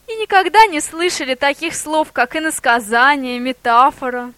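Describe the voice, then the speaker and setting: A woman's voice: sits high, normal speed, no room sound, pitched above the performer's own voice. A woman voicing a sly, persuasive boar. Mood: mocking. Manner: lively, persuasive, theatrical. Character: sly male boar in disguise, persuasive, bold.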